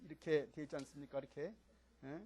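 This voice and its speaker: A man's voice: a little high, steady tone, fast, dark tone. An older man, a professor from Chungcheong, giving a classroom lecture. He keeps asking the class questions and repeats key words. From Chungcheong, Korea.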